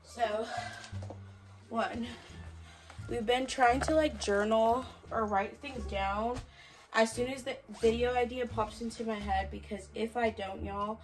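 A woman's voice: a little high, fairly even intonation, slow, soft background music. Chatty young woman vlogging, a little far off. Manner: chatty, filler-heavy, talking while tidying. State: out of breath. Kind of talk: casual vlog talk.

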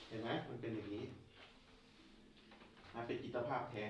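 A man's voice: mid-range voice, darkish tone. A man teaching a class, talking straight to his students and repeating key terms as he explains. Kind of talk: classroom lecture. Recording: very echoey, distant, dull, faint noise.

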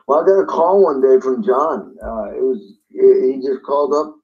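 A man's voice: medium pitch, expressive, moderate pace, dull audio. A man, a guest drummer, telling a story in an interview and acting out phone calls in different voices.

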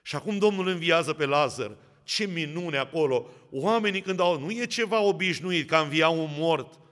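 Male preacher, bright clear voice, slightly high, Romanian accent, long hall reverb. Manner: addresses the congregation directly with questions. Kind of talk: sermon.

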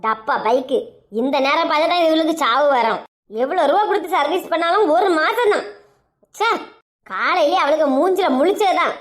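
A woman's voice: high voice, expressive, normal speed, soft background music. A woman with a Kanyakumari Tamil accent playing a grumbling man whose bike won't start, in a comic sketch. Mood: irritated. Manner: complaining, exasperated muttering.

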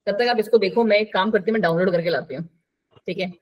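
A woman's voice: mid-range voice, fast talker, lo-fi sound. A woman teaching a live online biology class, chatty and coaxing, mixing English terms into her talk.

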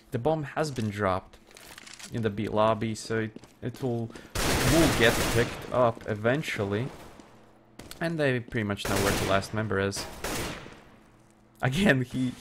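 A man casting a live shooter match, amused and often laughing in disbelief at the plays. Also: medium pitch. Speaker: esports caster. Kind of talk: live game commentary. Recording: game gunfire noise behind voice. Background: game gunshots and clicks.

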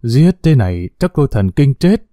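A man's voice: medium pitch, big pitch swings, normal speed, mellow, no echo, clean studio sound, close to an everyday voice. A man voicing a furious, contemptuous middle-aged mother who scolds her children. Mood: scolding.

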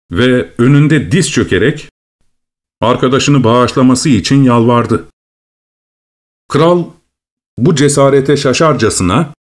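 A man narrating a dark tale as an audiobook, in a dramatic, expressive storytelling manner. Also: mid-range voice.

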